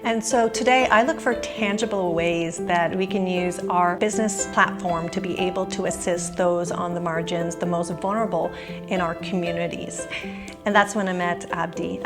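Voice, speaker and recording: A woman from Afghanistan speaks in a lowish, earnest and reflective voice. She sounds like a documentary voice-over, with clear music playing under her words. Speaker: business owner and nonprofit director.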